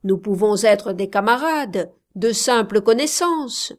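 A woman voicing a jealous young male shepherd who rants loudly and with scorn, threatening the girl he loves. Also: mid-range voice, lively intonation, takes it slowly. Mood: angry, accusing. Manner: loud, ranting, contemptuous.

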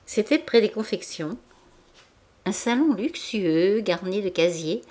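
A woman narrating a classic novel as an audiobook in a measured, even literary reading. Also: mid-range voice. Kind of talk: scripted narration.

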